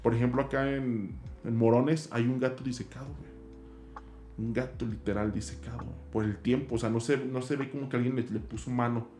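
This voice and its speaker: A man's voice: medium pitch, steady tone, a little fast, a little mellow, roomy sound, faint music behind. A man with a Mexican accent, a guest telling stories in a casual chat, slangy and loose, dropping "güey" constantly. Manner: slangy, peppers speech with "güey". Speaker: guest, zombie walk organizer.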